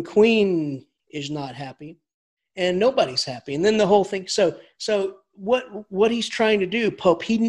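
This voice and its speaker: Animated, digressive male English professor. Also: high-pitched. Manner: animated and digressive, with frequent restarts and asides. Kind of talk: informal literature lecture.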